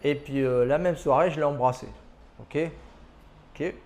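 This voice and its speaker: A man's voice: on the high side, normal speed, darkish tone. A man giving dating advice in a casual monologue, telling his own stories in a boastful, slangy and emphatic way.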